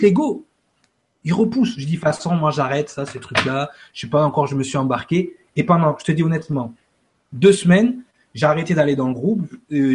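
Man telling a story, acting out dialogue. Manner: lively, acts out dialogue, repeats "j'ai dit"; drops lower and quieter when emotional. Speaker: guest telling a personal story. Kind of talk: casual spoken storytelling.

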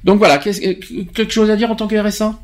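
A man's voice: sits high, little pitch movement, fast. A man hosting a podcast, talking emphatically in a casual chat and often restarting his words. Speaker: podcast host.

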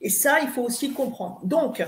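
A woman's voice: sits high, lively intonation, normal speed. A woman from eastern France giving emphatic spiritual advice on a live talk, lecturing with fillers and restarts. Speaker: spiritual coach guest. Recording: roomy echo.

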